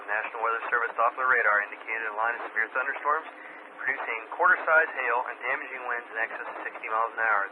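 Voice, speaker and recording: A man reading weather bulletins as net control, heard over a two-way radio with static, steady and spelling out names with an occasional "uh.". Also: mid-range voice. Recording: tinny radio transmission with static hiss.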